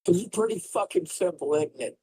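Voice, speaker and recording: A man's voice: high-pitched, fairly quick, background noise. A man ranting furiously at his viewers during a livestream, anguished and in emotional distress, swearing heavily. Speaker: streamer. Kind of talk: raw livestream rant.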